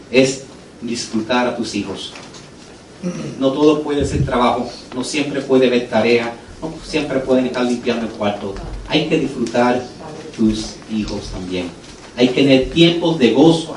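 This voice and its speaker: A man's voice: medium pitch, far from the mic, slight background noise. A man preaching in an echoey church. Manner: earnest preaching that turns lively when telling a story, tossing in English words. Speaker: pastor. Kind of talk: sermon. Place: church sanctuary. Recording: echoey church hall, voice from afar, music under it.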